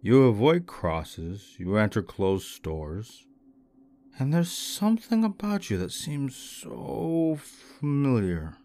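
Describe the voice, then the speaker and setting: A man voicing a brash, quarrelsome drunken young man who talks loudly and slurs his words. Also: medium pitch, very animated, normal speed, voice pushed up, natural voice. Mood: drunk, slurred. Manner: loud, belligerent, slurring when drunk.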